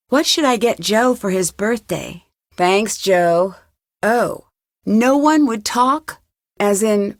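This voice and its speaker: In studio quality with no echo, a young American woman voices a polite, inquisitive amateur detective in a scripted adventure game. She sounds composed, speaking clearly in a medium pitch.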